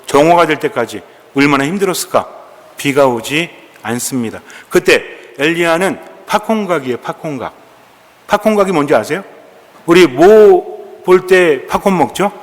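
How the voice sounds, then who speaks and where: Priest giving a sermon, kinda high voice, chatty q-and-a style with the congregation, big echoey church. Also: male voice, normal speed. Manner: storytelling, asking the congregation questions and answering them; colloquial and animated, acting out quoted dialogue. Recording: long echoing church reverb.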